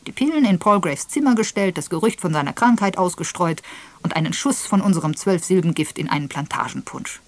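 A woman voicing a gruff, impatient, wealthy old invalid man who talks loudly and quickly in an audiobook. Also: fairly low pitch, lively intonation, no room sound, natural voice. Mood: sardonic. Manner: brusque, loud and quick.

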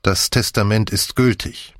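Brief: man voicing a chilly, reserved man, low voice, audiobook. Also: fairly even intonation, unhurried, a bit bright, no echo, clean studio sound. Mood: cold. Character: cold, reserved man, a cousin. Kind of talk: audiobook character voice.

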